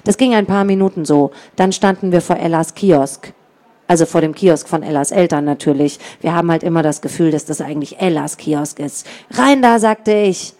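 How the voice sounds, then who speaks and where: A woman reads a children's adventure story aloud. Her voice is mellow and sits fairly low, and she gives each child and each bully a voice of their own. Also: a little fast. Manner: lively reading that voices each child and gang member. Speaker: audiobook narrator.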